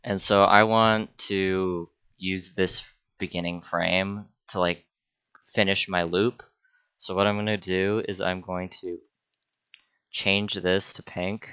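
A man's voice: deep voice, flat delivery, slow, bright, forceful tone, clear, resonant tone, no echo. A young man, an art student, casually talking through a screen-recorded drawing tutorial in an offhand, self-deprecating way. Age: young adult.

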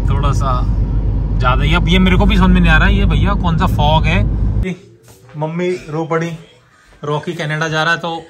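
Young man, high-ish voice, casual rambling vlog chat, inside a car at night, loud road noise. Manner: chatty, rambling, playful. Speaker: vlogger.

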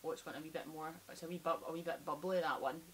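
A young Scottish woman with a somewhat low voice gives blunt, expressive opinions as a co-host on a sofa indoors. A faint hiss sits under her speech. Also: fast talker, poor audio. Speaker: beer review co-host. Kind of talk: casual chat. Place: living room sofa, indoors.

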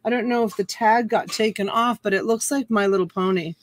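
A woman in her forties runs a relaxed auction live-stream from home, surrounded by stuffed toys and a dress form, picked up by a computer webcam. She speaks briskly at medium pitch, folksy and chatty, stretching out each call for bids.

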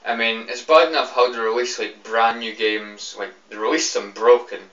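A man's voice: mid-range voice, fairly even intonation, moderate pace, fairly bright tone. A young British man, tipsy and annoyed, giving a rambling, repetitive, sweary off-the-cuff rant to a camera. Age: young adult. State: tipsy, drunk. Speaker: video game fan giving opinions. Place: small room indoors. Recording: roomy, distant, slightly dull webcam sound.

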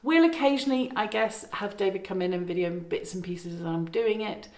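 A middle-aged woman renovating an old farmhouse rambles casually to her phone camera, held at arm's length, correcting herself along the way. Her mid-range voice is a little fast and a little mellow, and the room adds echo.

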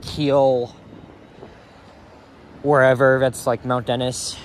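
Speaking slowly at medium pitch with little pitch movement, a young man rambles casually as he vlogs on foot with a handheld camera. He's outdoors on a city sidewalk, and the recording picks up cars and street ambience.

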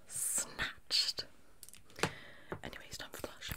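Whispering close to a fluffy-covered mic in a small indoor bedroom, a young adult woman plays a makeup artist in an ASMR role-play. She goes fast and chaotic, with an aggressive edge, and keeps repeating words.

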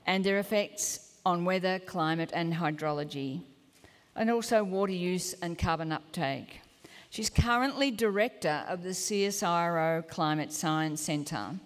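A woman chairing a session, formally introducing the next lecturer in a large lecture hall. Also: lowish voice. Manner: formal, deliberate, slows on welcome. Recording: long hall reverb.

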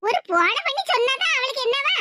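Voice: very high voice, sing-song, quick pace, noisy background. A performer voicing a nosy neighbour woman who asks questions and gossips in a Tirunelveli Tamil accent in a cartoon. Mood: gossipy. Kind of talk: cartoon voice acting.

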